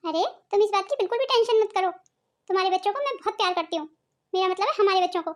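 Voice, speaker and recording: A young cartoon home-wrecker with a falsely sweet, coaxing manner , voiced by a woman. Her voice is extremely high and she talks briskly. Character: young scheming other woman, sweet-talking. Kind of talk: cartoon soap voice acting.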